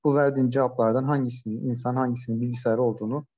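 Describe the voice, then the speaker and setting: A man presents a webinar over a video call, speaking in a flat, even tone with a mellow, dark timbre. He talks conversationally and pauses often with fillers. The audio is dull and lo-fi. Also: medium pitch. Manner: conversational, many hesitations and fillers. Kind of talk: casual online lecture. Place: shared coworking space.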